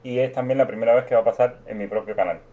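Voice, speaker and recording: A man from Cuba, host of his own channel, being interviewed and telling his story in an unhurried, reflective way. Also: mid-range voice, fairly even intonation, warm tone, muffled recording. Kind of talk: casual conversation.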